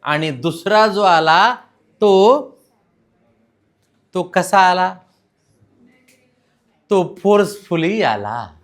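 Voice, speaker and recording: A man's voice: high voice, lively intonation, drawn-out words, pauses often. A man with a Marathi accent teaching English grammar to a class, mixing in English words and quizzing his students. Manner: mixes in English words, asks the class questions. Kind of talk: classroom lesson.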